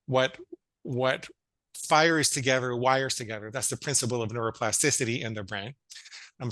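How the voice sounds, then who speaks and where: Man in his fifties, guest psychologist, earnest and stammering, bright and dry sound. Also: medium pitch, no echo. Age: 50s. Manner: earnest storytelling with stammered restarts. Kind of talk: casual interview chat.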